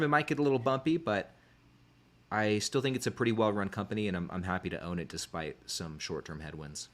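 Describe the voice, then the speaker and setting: Man, podcast host, low voice, easygoing, thinking aloud, casual chat.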